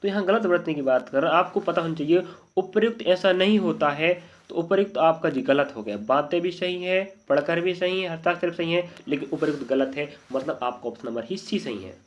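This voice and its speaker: A man with a slightly high voice teaches an exam-prep spelling lesson. He keeps asking his students whether they follow. The audio is dull and lo-fi. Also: brisk. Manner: repeated checking questions to students.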